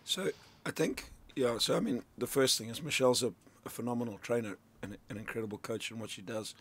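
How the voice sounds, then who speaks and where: A medium-pitched, fairly bright voice with a breathy edge belongs to a middle-aged sales coach from Zimbabwe. Talking a little fast, he lays out his ideas as a radio studio guest, casual and conversational, with many restarts.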